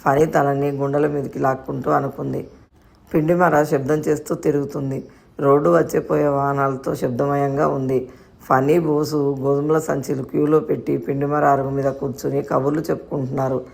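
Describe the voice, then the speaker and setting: A woman reading a scripted audio story in a steady, emotive way. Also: extremely low pitch, normal speed, gravelly.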